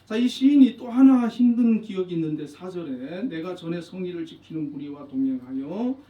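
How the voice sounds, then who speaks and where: A man's voice: sits high, animated, moderate pace. A man pastor delivering an earnest, emphatic sermon, repeating phrases for weight. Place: church sanctuary. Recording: roomy, distant, dull church recording.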